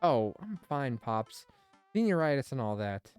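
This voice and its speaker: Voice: mid-range voice, sing-song, measured pace, a little mellow, smooth, no room sound, soft background music. A streamer voicing a sarcastic teenage daughter, reading game dialogue aloud with terse, eye-rolling retorts. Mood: deadpan.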